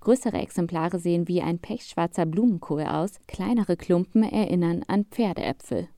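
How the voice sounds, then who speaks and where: A woman's voice: lowish voice, moderate pace, mellow, no echo, clean studio sound. A woman reading scripted narration for a science report in the manner of a nature documentary.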